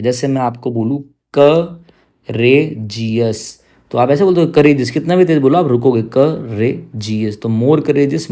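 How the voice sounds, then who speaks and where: A man teaching an exam-prep grammar lesson in a gravelly, mellow voice. He coaxes and teases his students as he explains. He stretches out each English example slowly so they can follow. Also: mid-range voice.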